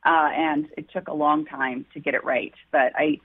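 A woman author, a guest answering interview questions, tells her story in an earnest, heartfelt way. Her low, husky voice stays steady at a normal speed, and the audio is tinny, like a phone line.

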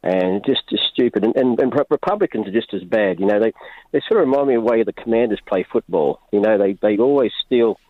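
A man's voice: on the low side, expressive, fast, no room sound. Australian man calling in on a muffled line. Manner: rambling, frequent fillers and restarts. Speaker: caller. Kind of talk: phone-in call.

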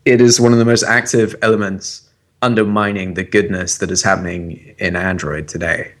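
Opinionated man with a lowish voice. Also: normal speed. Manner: animated, opinionated, many fillers and restarts. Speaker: podcast co-host. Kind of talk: casual tech chat.

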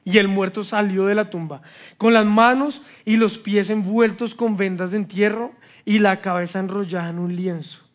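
A male pastor preaching a sermon with passion, dropping to hushed scripture reading, then building to loud, repeated refrains. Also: high voice, steady tone, normal speed. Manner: repetitive, rhetorical refrains.

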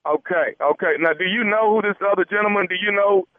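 A man heard over the phone, calmly and politely posing as a police officer and pausing often with "uh". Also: high voice, no echo. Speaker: radio prank caller. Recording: tinny phone line, dry.

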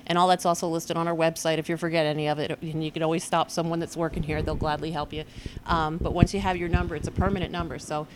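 A woman with a low, quick-paced voice explains bidding at her auction house. She is chatty and practical and laughs easily. Faint noise sits behind her. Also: flat delivery. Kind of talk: casual interview answers.

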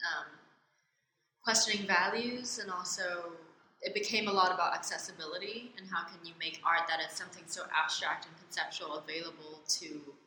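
A woman from Hong Kong, answering interview questions thoughtfully, with many pauses and fillers. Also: lowish voice, fairly even intonation, bright, forceful tone, a little hiss or hum. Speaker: interviewee, art student. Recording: echoey space with faint ambience.

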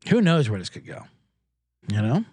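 A man's voice: medium pitch, very animated, moderate pace, a little mellow, husky, no room sound. A man hosting a sports betting show in a rambling, joking, profane way. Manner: rambling, riffing and joking, breaks into mock accents. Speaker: sports betting podcast host. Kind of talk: casual, profane betting chat.

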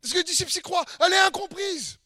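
A man preaching an emphatic sermon, hammering home repeated phrases, sometimes shouting, and putting direct questions to the listener. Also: very high-pitched, fast talker, no echo, clean studio sound. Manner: speaks straight to the listener with questions.

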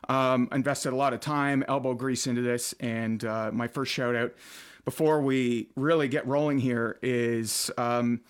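A man's voice: medium pitch, steady tone, measured pace, clean tone. A man, hosting a casual podcast from his basement studio and rambling with lots of fillers. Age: late 30s. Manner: chatty, rambling with many fillers. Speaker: podcast host and radio host.

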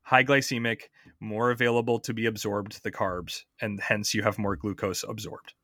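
A man's voice: fairly low pitch, level tone, normal speed, sharp tone, no room sound, studio quality. A man hosting a podcast, casually explaining science step by step and often checking in with his co-host.

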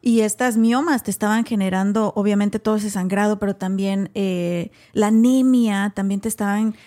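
A woman's voice: medium pitch, moderate pace, warm tone. A woman hosting a podcast interview, giving short supportive replies. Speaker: podcast host. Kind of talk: casual interview.

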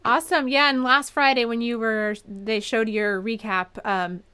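Bubbly, clear-voiced female host. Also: fairly high pitch, steady tone, normal speed, pushed and bright. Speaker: interview host. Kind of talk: casual interview.

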